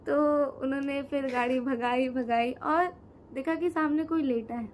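A woman's voice: high voice, fairly even intonation, unhurried, a little hiss or hum. Chatty teen girl narrating horror. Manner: chatty, addresses viewers as guys, dry asides. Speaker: co-host storyteller. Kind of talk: casual horror storytelling. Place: indoor room, on a sofa.

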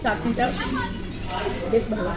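A woman's voice: a little high, fairly even intonation, very fast, roomy sound, over a noisy crowd. A woman eating and chewing while she talks, giving short verdicts on a meal in a casual food review. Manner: brief verdicts between bites. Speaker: food vlogger.

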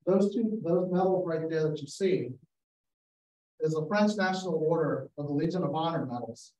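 A photographer tells anecdotes during a slideshow presentation on a video call, acting out people's quotes as a guest speaker. His voice is on the high side and a little mellow, at a normal speed. Being away from the mic gives the audio a roomy, distant sound.

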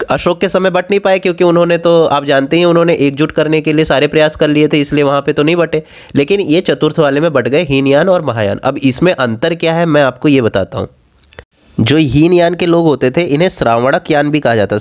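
A man teaching an exam-prep lesson in a casual way, repeating key points and asking the viewer quiz questions. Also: a little high.

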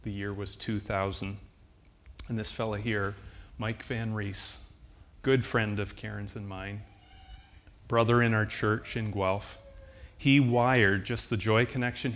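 Earnest older pastor preaching. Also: male voice, on the low side. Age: 60s. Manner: earnest, heartfelt storytelling with slow, emphatic repetitions. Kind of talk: sermon.

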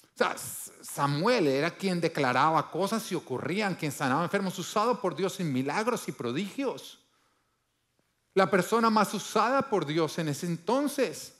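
A male pastor delivering a sermon, emphatic, swinging from loud bursts to low, quiet lines and acting out the voices he quotes. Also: lively intonation, normal speed. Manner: acts out quoted voices in his preaching.

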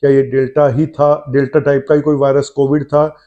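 A middle-aged man, a doctor, talking to the camera from his clinic about a case on a lapel mic, measured and thinking aloud with "uh" pauses. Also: medium pitch, flat delivery, highs cut off. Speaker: doctor hosting his own health channel. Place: indoor clinic room. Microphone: lapel mic, seated facing the camera.

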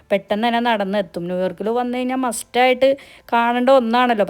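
A woman's voice: on the high side, a little mellow, clear, resonant tone. A woman from Kerala with a Kerala Malayalam accent narrates a casual travel vlog, chatty and mixing English words into her Malayalam. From Kerala, India. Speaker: travel vlogger.

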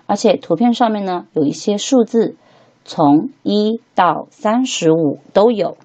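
A woman teaching English to beginners, patiently repeating each word slowly three times as she walks through a textbook lesson. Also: mid-range voice, expressive, warm tone, muffled recording.

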